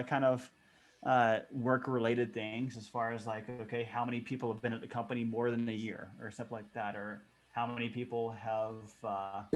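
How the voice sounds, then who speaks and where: A man facilitating an online workshop over a video call, talking casually with many fillers and restarts. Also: mid-range voice.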